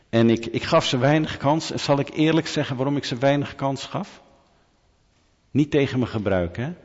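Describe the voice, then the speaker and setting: A man's voice: medium pitch, slightly rough. Male preacher, chatty, jokey asides to his flock, long hall echo, dull muffled sound. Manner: lively storytelling preaching with humorous asides to the congregation. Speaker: pastor. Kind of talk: sermon.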